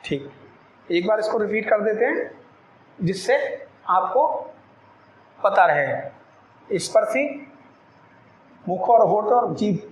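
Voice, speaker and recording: A man teaching a Hindi lesson, slowly drilling syllables aloud and repeating each point for his students. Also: sits high, lively intonation, echoey room, low-quality recording. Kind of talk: classroom lecture.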